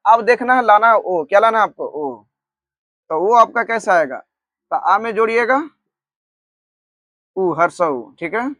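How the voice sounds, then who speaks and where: High-voiced man teaching grammar. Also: animated, normal speed, a bit bright, no echo. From Bihar, India. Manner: repeats "ठीक है" often, dictates notes word by word. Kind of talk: Hindi grammar lesson, explaining and dictating.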